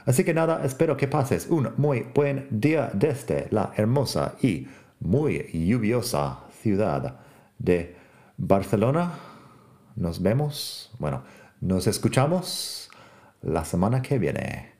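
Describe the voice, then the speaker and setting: Slow low-voiced man teaching English. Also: very animated, vocal fry, mellow. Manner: slow, drawn-out example phrases. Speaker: English teacher, podcast host. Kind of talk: relaxed podcast English lesson. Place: rainy city in Spain. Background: faint music.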